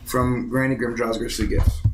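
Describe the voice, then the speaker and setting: A man's voice: medium pitch, flat delivery, normal speed, slight background noise, poor audio. A man narrating a tabletop game as game master in a casual, conversational way.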